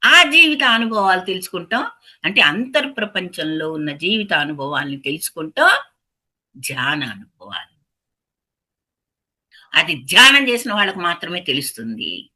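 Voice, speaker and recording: A woman's voice: on the low side, sing-song, normal speed, pauses often, bright, forceful tone. A woman giving a spiritual talk as a meditation teacher, who asks her listeners rhetorical questions and repeats phrases for emphasis. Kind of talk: spiritual discourse.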